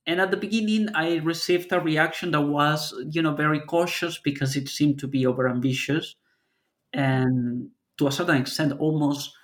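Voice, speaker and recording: A man's voice: on the high side, steady tone, moderate pace. Male academic, reflective guest on a book podcast. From Peru. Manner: thoughtful, searching for words. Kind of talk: podcast interview.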